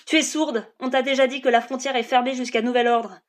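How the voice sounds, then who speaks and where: A woman's voice: high-pitched, fairly even intonation, a little fast, lightly acted. A woman voicing a curt, scornful border guard who threatens from the ramparts.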